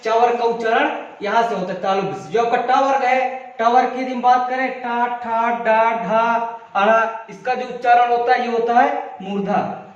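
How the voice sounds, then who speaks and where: Man, teacher, very high voice, drilling sounds one by one, asks questions and answers them, dull far-off mic, echoey room. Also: fairly even intonation, moderate pace. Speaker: Hindi grammar teacher. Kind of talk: classroom lesson.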